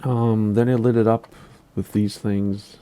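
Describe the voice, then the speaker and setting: A man's voice: fairly low pitch, flat delivery, unhurried, dark tone, clean tone. A man with a Minnesota accent giving casual gameplay commentary on a building tour, rambling along and asking himself questions aloud. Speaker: Minecraft YouTuber giving a base tour.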